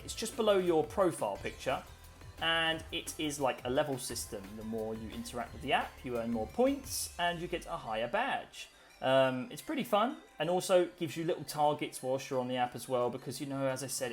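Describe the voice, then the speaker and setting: A young man gives a relaxed walkthrough tutorial, chatting with filler phrases as he clicks along. His voice sits at an everyday middle pitch. A faint music bed plays underneath. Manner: chatty, with frequent "you know" and "okay?". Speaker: online English teacher giving a tutorial. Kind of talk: casual screen-recorded tutorial.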